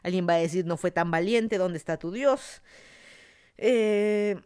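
A man's voice: high-pitched, a little slow, darkish tone, clean tone. A man talks through the week's news as a podcast host. His delivery is casual and musing. He thinks aloud and often breaks off to restart a sentence. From Peru. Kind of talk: casual news commentary monologue.

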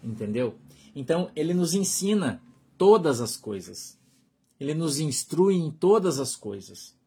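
A Brazilian pastor with a Brazilian Portuguese accent preaches a sermon in a chatty, informal way, often turning to his listeners with quick questions. His man's voice sits a little high and has a husky, grainy edge. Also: sing-song, mellow. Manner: conversational preaching, keeps asking the flock "understood?".

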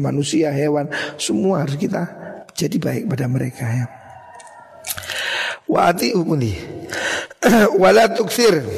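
A man's voice: on the high side, vocal fry, darkish tone, long reverb tail. A middle-aged man with a Javanese accent teaching a kitab study, mixing Arabic recitation with Javanese asides and jokes. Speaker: Islamic teacher.

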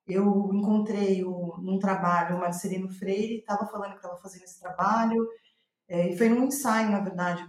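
A Brazilian woman with a medium-pitched, slightly mellow voice speaks as a guest playwright being interviewed, reflecting conversationally and circling back to rephrase as she thinks aloud. The recording is roomy and echoing.

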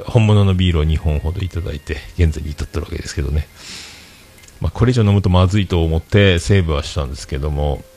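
A man with a deep, low voice chats alone on a livestream. His pitch swings widely as he rambles through his week, chatty and self-mocking. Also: gravelly, a little mellow, breathy edge. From Fukuoka, Japan. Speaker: livestream host. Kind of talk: casual solo livestream chat.

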